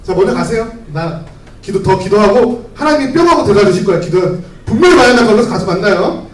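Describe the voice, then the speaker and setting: A man's voice: sits high, expressive, fast talker, reverberant, recorded from a distance, low-quality recording. A man voicing a stubborn devout man who prays on a rooftop during a flood and insists that God will save him. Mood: stubborn refusal. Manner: pleading, insistent.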